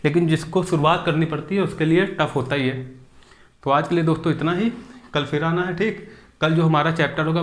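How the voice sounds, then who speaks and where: A young man with a somewhat high voice gives an exam-prep video lecture. He keeps asking his students rhetorical questions and answers them himself. He caps his phrases with a quick "okay". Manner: repetitive, asks students rhetorical questions, ends phrases with "ठीक". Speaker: exam coaching teacher.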